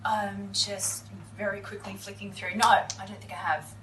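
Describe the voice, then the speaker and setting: An actress guest in a casual interview, throwing in quick quips. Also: female voice, mid-range voice, fairly even intonation, fairly bright tone, recorded from a distance, a little hiss or hum. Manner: quick quips, laughing asides. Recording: roomy, echoey sound from off-mic.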